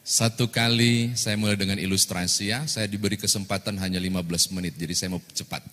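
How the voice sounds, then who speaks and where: A male pastor, giving a lively sermon and joking with the congregation. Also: sits low, quick pace. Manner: lively storytelling, jokes with congregation. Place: church hall. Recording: long church-hall reverb.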